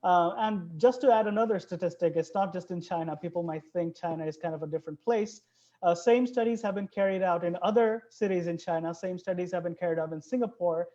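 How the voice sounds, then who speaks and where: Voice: mid-range voice, quick pace, mellow. A biologist from Bangladesh, a guest in an interview, explaining things in an earnest way. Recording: dull lo-fi recording.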